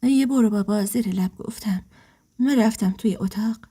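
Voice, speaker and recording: A woman narrating a dramatic first-person story in a hushed, half-whispered, emotional way. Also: mid-range voice, slightly rough.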